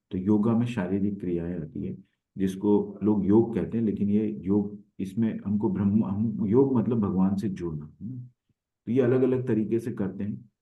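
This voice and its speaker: Low-voiced guy teaching a gita class online, keeps saying "right?", sounds like a phone line. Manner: explanatory, often adds "है ना" checks. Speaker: Bhagavad Gita course teacher. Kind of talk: online scripture lesson. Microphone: online class audio.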